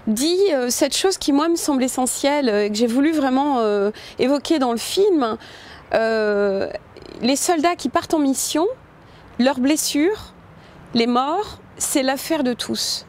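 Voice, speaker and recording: Woman director, interview; high voice, informal, thoughtful, hesitant phrasing. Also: a little slow. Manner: thoughtful, many hesitations and restarts; informal, addresses listener with "tu vois". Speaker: film director. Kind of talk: interview about her film.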